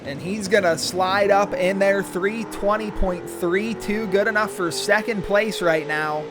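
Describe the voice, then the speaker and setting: Over music and loud engine noise, a man with a high, steady voice speaks a little slowly as a tractor pull announcer. He introduces the drivers and calls out each run and its distance, with vehicles roaring in the background.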